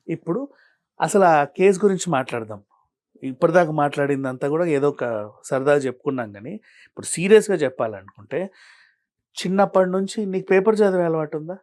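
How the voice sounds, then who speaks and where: A man answering as an interview guest, arguing his point with a stream of pointed rhetorical questions and shifting from calm explaining to heated. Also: fairly high pitch, brisk, long pauses. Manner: argumentative, fires rhetorical questions. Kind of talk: studio interview.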